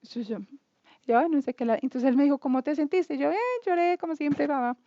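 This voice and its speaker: A woman's voice: high voice, a little fast, mellow, no room sound, dull audio. A woman in her thirties from Bogotá, Colombia, with a Bogotá accent, telling her faith testimony in a candid, chatty, self-mocking way and acting out quoted dialogue. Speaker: testimony speaker. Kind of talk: casual spoken testimony.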